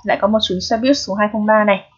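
Husky-voiced woman teaching grammar. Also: mid-range voice, fast. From Vietnam. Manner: explains step by step, checks in with students often. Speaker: English teacher. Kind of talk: recorded grammar lesson. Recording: dull, lo-fi sound.

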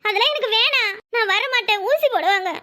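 A woman's voice: very high-pitched, expressive, fast talker, pushed and bright, pitched above the performer's own voice, exaggerated voice. A woman with a Kanyakumari Tamil accent voicing a stubborn, devoted young woman in a cartoon, earnestly brushing off worry.

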